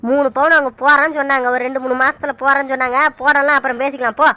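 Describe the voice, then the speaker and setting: A woman voicing a tired middle-aged village husband in a cartoon, calming his shouting wife with exasperation. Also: high-pitched, very fast, slight background noise. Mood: exasperated. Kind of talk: cartoon dub acting.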